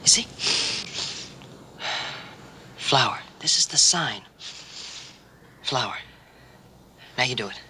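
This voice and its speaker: An actor playing a patient young cowboy who teaches a deaf girl sign language, speaking gently and coaxingly in a 1960s TV western. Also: medium pitch, expressive, slight background noise. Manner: gentle, coaxing, repeats words slowly.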